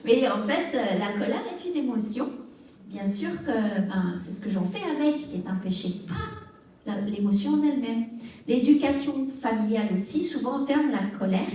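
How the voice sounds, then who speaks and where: A woman's voice: fairly high pitch, expressive, moderate pace, dark tone, a little hiss or hum. A woman pastor giving a teaching talk in church, chatty and full of fillers, acting out small dialogues. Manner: conversational, many fillers, acts out little dialogues. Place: church hall. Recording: echoey room, mic at a distance.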